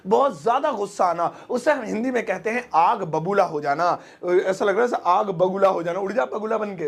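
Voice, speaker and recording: A man teaching English idioms in a casual, playful Hindi lesson, joking and acting out examples, repeating each English phrase slowly. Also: high voice, vocal fry. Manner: playful, jokey, acts out example sentences.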